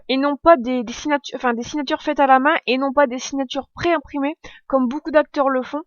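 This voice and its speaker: A woman's voice: high-pitched, no room sound, lo-fi sound. A woman in her twenties explaining a tutorial step by step in a chatty, self-correcting way. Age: 20s. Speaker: tutorial vlogger. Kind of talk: casual screen-recorded tutorial.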